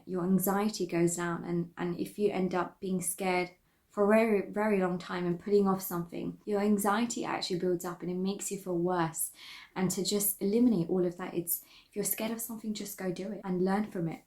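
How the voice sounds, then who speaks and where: Young woman vlogger, low gravelly voice, chatty and reflective, giving life advice. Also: warm tone. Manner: chatty, repeats words while thinking. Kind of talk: casual chat to camera.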